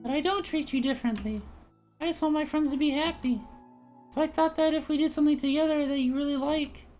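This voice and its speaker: A man voicing a cheerful, gentle teenage girl in a soothing, eager, high voice while reading a visual novel aloud. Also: fairly even intonation, fast talker, faint music behind. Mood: pleading.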